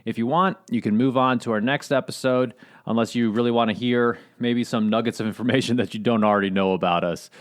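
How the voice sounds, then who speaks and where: A middle-aged man co-hosting a podcast, chatting in a relaxed way and laughing easily. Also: medium pitch, brisk. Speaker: podcast co-host. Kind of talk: casual conversational podcast.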